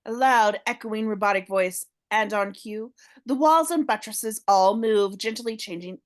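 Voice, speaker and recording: A woman narrating the action descriptions of a fan audio drama script, reading at a paced rhythm with pauses. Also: medium pitch. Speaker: narrator of stage directions.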